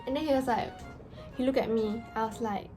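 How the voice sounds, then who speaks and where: A young woman telling a story in a casual vlog rant, with an animated, exasperated, slangy delivery and emphatic stresses. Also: a little high, fairly quick. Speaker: vlogger. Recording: music playing behind the voice. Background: background music.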